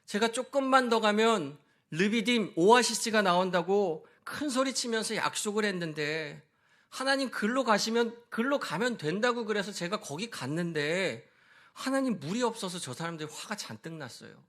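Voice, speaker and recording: Brief: male preacher acting out Moses, a desperate high-voiced leader begging God for help. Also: lively intonation, normal speed, fairly bright tone. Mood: desperate pleading. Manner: pleading, anguished, raised voice.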